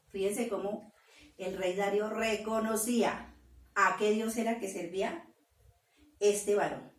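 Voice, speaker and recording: Slow, roomy woman preacher. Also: medium pitch. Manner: slow, emphatic retelling of scripture with rising stress. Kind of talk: sermon. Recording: roomy sound from a distant mic.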